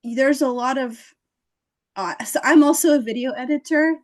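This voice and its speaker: High-voiced animated woman host. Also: moderate pace. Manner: animated, enthusiastic, acts out quotes. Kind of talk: casual advice chat.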